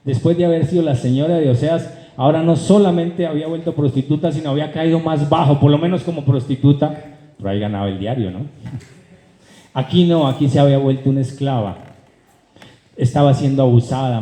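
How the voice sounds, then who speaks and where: In an echoey church hall, a male pastor preaches a lively, brisk sermon, swinging from loud, high calls to low asides. He addresses the congregation directly and poses rhetorical questions.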